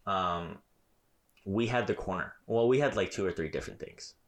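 A man's voice: deep voice, normal speed. A young man telling a childhood story in casual podcast chat, laughing often and full of fillers.

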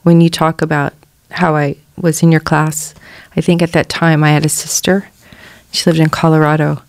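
A woman's voice: deep voice, flat delivery, moderate pace, a little mellow, no echo. A middle-aged woman giving an earnest personal testimony as a guest on a church podcast, acting out the voices she quotes.

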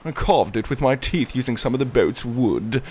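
A man's voice: medium pitch, expressive, normal speed, darkish tone, slight background noise, lightly acted. Fussy worried beaver babysitter, proper and prim, bouncy voice, played by a man. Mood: earnest.

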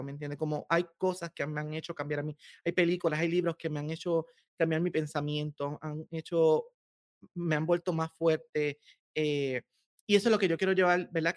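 A man, an author being interviewed on a podcast, talking in an animated and emotional way. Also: on the high side, dry recording, studio quality. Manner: emotional, animated, laughs often. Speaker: author guest.

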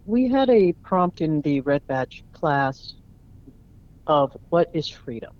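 A man with a voice a little higher than most men's reads his short story aloud in an earnest, reflective way. The recording sounds dull and lo-fi. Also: big pitch swings, takes it slowly. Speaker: guest author. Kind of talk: spoken word story reading.

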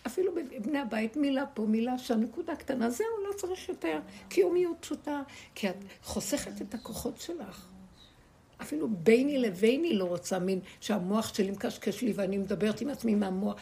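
A woman gives a spiritual teaching to a small group in a gravelly, creaky voice. She speaks emphatically, repeating key words and pressing her listeners with rhetorical questions. A faint hiss of noise runs beneath her. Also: a little high, animated, warm tone.

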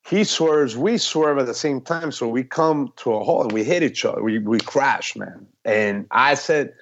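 A man in a loose, casual chat, telling his stories with lively swings and a mid-range voice. He tosses in "man" and curses as he goes, and the recording has a slightly dull, muffled sound. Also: medium pitch, moderate pace, creaky, a little hiss or hum. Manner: animated storytelling, says "man" often, swears.

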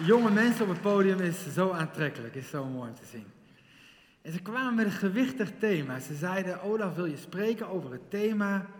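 Middle-aged man preaching in a reverberant hall. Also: a little high. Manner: lively, questions the audience directly. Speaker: youth speaker. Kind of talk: interactive sermon to teenagers. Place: large hall with audience.

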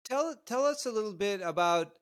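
A man's voice: high voice, lively intonation, normal speed, a bit bright. A man hosting a podcast, interviewing a guest in a friendly way with some hesitant restarts. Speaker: podcast host.

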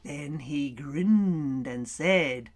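A woman reading a children's story aloud in an animated way, laughing often and dropping to whispers. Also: low voice, drawn-out words.

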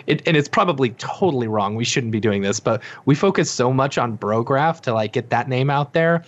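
A man's voice: mid-range voice, lively intonation, a little fast. A young man chatting as a podcast guest about his company, rambling with many fillers and restarts. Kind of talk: casual podcast chat. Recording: dull lo-fi sound.

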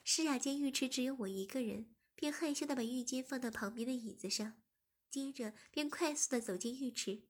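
A woman reading a story aloud in a soft, steady narration. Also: sits high, a little fast. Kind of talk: scripted narration.

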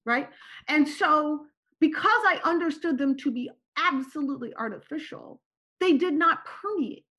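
As a podcast guest, a woman whose first language is Turkish shares personal stories in conversation, her voice sitting high and her pace normal. She speaks animatedly and often finishes sentences with "right?"

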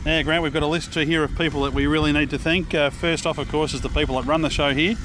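A man's voice: steady tone, fast. A man with an Australian accent chatting casually and matily as a podcast co-host. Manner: informal, matey thank-yous. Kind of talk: casual chat. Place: outdoors at an air show. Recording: noisy outdoor site with engine rumble.

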